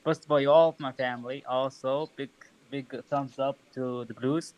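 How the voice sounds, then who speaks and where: A man from Saudi Arabia whose first language is Arabic, calling in to a stream and chatting with hesitant, halting phrasing. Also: medium pitch, fairly even intonation, darkish tone. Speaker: caller. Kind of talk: casual chat.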